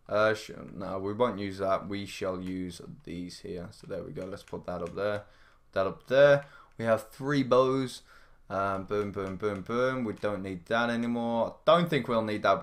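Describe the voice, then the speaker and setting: A man hosting a gaming livestream, giving casual running commentary in an excitable way, often repeating his phrases and exclaiming. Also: lowish voice. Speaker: livestream gamer, host. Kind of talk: live gameplay commentary, casual.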